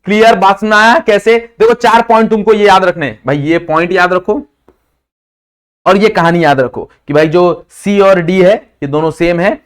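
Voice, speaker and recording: A man teaching physics in a lecture style with a slight lisp, who keeps quizzing students with quick questions and calls them brother. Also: high voice, steady tone, smooth. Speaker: physics tutor. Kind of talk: classroom lecture mixing Hindi and English.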